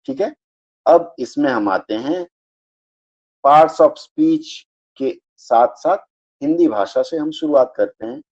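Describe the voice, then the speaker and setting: A man's voice: mid-range voice, dark tone, highs cut off. Patient man teaching a grammar class. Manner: patient, explains step by step and checks understanding. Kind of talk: live online grammar class.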